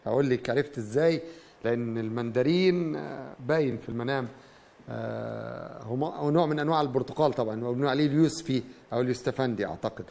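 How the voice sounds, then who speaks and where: In a TV studio, a middle-aged man with an Egyptian accent hosts a call-in show interpreting dreams, chatting and questioning callers. His mid-range voice is quick, darkish in tone, with vocal fry.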